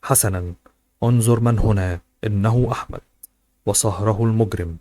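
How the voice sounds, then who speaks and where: A harsh, scornful family patriarch from an audiobook, as a male narrator reads him. The man reads him in a low, flat voice. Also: moderate pace, dry recording, lightly acted. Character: scornful older patriarch Hani, harsh father.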